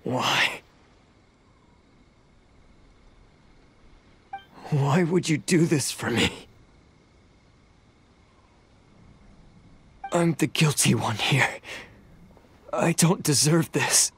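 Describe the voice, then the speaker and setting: A man's voice: a little high, slow pace, a bit bright, breathy edge, full character voice. An actor voicing a guilt-ridden, proud young male oni outcast in a dramatic video game scene, earnest and troubled. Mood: remorseful.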